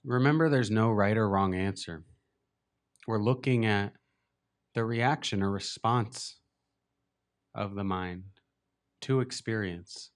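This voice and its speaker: A man with a lowish voice leads a guided meditation session. He speaks calmly and slowly as the teacher, pausing at length.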